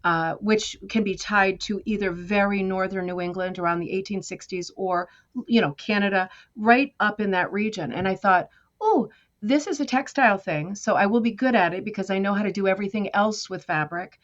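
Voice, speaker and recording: Chatty and self-deprecating, a guest artist from the United States shares her story during a conversational interview. She speaks at a moderate pace in a mid-range voice, with the high frequencies cut off in the recording.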